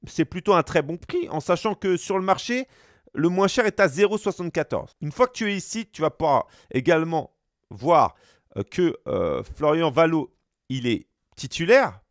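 A man's voice: fairly high pitch, dry recording, studio quality. A man hosting a casual screen-share tutorial, chatting straight to the viewer with frequent fillers. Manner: chatty, lively, addresses viewer directly with many fillers. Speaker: YouTube host.

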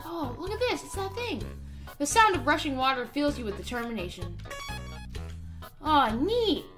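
Over music, a woman with a high, sing-song voice delivers playful game commentary and roleplay at a moderate pace. As host of this gaming video, she's giggly and full of enthusiasm.

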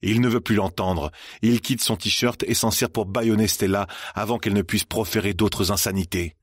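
Low husky-voiced male audiobook narrator. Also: steady tone, moderate pace, dry recording, clean studio sound. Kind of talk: scripted narration.

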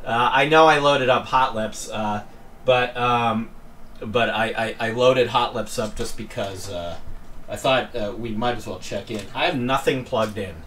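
A man's voice: mid-range voice, measured pace, a bit bright. A middle-aged man live-streaming a game from home, chatting casually and self-deprecatingly with his viewers. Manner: rambling, self-deprecating, joking with chat. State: winded from climbing stairs. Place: home room. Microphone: headphones with desk mic, off-mic at times. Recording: voice sometimes distant from mic, faint room noise.

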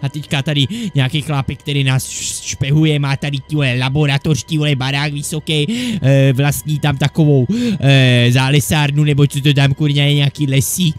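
A man's voice: on the high side, flat delivery, hardly any pauses, faint music behind. Panicky, swearing gamer guy. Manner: jittery, panicky banter with frequent mild swearing; switches between two bickering sidekick characters. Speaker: gaming YouTuber. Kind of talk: comedic Minecraft let's play.

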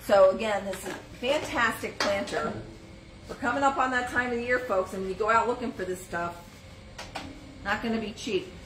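A middle-aged woman runs a live antiques sale stream from a shop booth, casually pitching items by reading out their sizes and prices. She has a mid-range voice at normal speed. A phone or camera on a stand captures her as she moves around in frame, and the shop sounds roomy with background noise.

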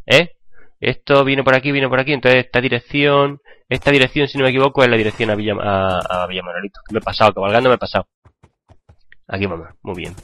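A man with a Spain Spanish accent, hoarse from a cold, chatting and joking with viewers while playing a game. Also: medium pitch, fairly even intonation, quick pace, a bit bright, no room sound. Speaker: gaming channel host. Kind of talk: gameplay commentary.

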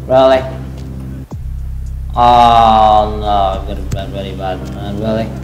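Male streamer, slow exclamatory commentary, roomy home room. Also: lowish voice, little pitch movement, over music. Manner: exclamatory, rambling. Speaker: gaming streamer. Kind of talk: casual live-stream commentary.

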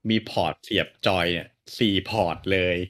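A man co-hosting a podcast in casual chat, mostly giving brief agreeing replies and adding quick remarks. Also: deep voice, fairly bright tone. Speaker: podcast co-host. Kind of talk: casual chat about retro games.

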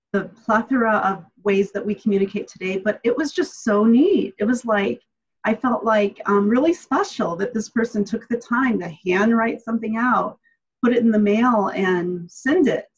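A woman's voice: fairly high pitch, unhurried, breathy edge. A woman speaking from home on a video call, answering audience questions in a friendly, reflective way with frequent ums. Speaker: guest speaker. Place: home room, indoors. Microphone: webcam on video call. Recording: slightly muffled video-call audio.

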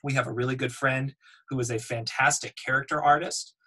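A man in his thirties leads a webinar from home, speaking into a webcam at a middling pitch. His delivery is relaxed and explanatory, padded with ums and uhs as he thinks aloud. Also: fairly quick, slightly rough, low-quality recording. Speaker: voiceover demo producer. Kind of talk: webinar teaching. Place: home room, indoors. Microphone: webcam on video call.

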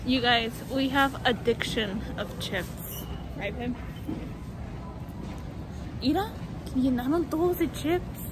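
Young woman, high voice, talking through a face mask, vlogging on her phone in a noisy store, chatty, mixes in spanish. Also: slow pace, pauses often. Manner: chatty, switches into Spanish phrases. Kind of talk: casual vlog chat. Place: inside a big store.

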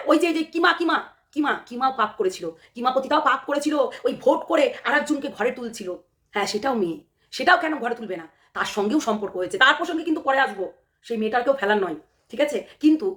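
A hoarse woman, worn down by a cold, talking straight to her viewers. Her voice sits a little high and she rushes her words out quickly. She pushes every point hard, repeating phrases and throwing questions back at the audience. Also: a bit bright. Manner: heated and emphatic, repeats phrases, fires rhetorical questions. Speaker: vlogger. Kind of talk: casual direct-to-camera commentary.

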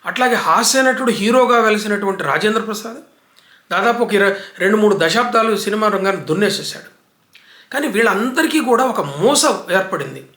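Bright-voiced older man lecturing. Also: high-pitched, animated. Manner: unhurried, lecturing, piles up examples. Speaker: literary commentator. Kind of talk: reflective book talk. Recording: echoey room.

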